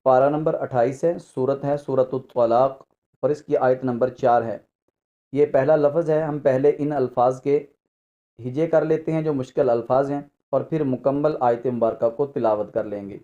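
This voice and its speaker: A man teaching a recitation lesson, spelling out sounds slowly and stretching vowels for learners. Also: medium pitch, fairly even intonation, warm tone, muffled recording.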